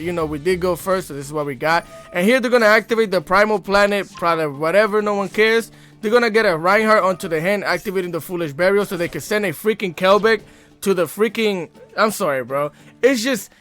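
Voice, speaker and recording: A young man giving casual, excitable gameplay commentary as a YouTuber, full of slang and talking straight to his viewers. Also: high voice. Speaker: gaming YouTuber.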